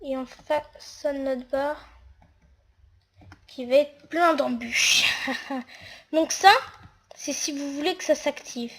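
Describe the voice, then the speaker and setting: High-voiced woman, slow hesitant tutorial. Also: steady tone, fairly bright tone. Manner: hesitant, narrates actions with fillers. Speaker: game tutorial maker. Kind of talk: casual screen-recorded game tutorial.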